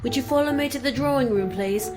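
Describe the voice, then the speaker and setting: A polite young housemaid, put on by a woman, hushed and brisk with a slightly raised voice. She rattles through her offer quickly over clear game music. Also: sits high, pitched above the performer's own voice, lightly acted.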